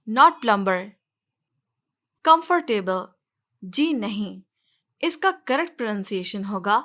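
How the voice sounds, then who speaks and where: A woman with a bright, fairly high voice teaches English pronunciation. She drills one word after another, naming the wrong way and then the right one. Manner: corrective, drilling words one by one. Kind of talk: pronunciation lesson.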